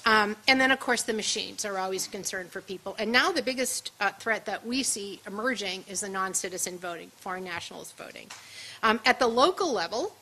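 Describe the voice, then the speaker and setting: Bright-voiced woman giving an emphatic talk. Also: medium pitch, a little fast, slight background noise, poor audio. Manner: conversational, emphatic, punchy asides. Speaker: seminar speaker. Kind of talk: luncheon presentation. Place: event room at a seminar.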